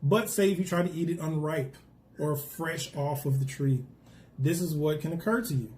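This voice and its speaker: Easygoing, slightly high-voiced man host. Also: moderate pace, a little hiss or hum. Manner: relaxed, joking, laughing through the facts. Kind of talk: casual food talk.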